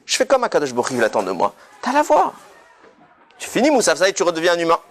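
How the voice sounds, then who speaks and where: Man, sermon, emphatic, Hebrew terms mixed in, lively pitch. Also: very fast, a little hiss or hum. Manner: emphatic, rising to near shouts; mixes Hebrew terms into casual speech. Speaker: rabbi giving a weekly Torah talk. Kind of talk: passionate sermon.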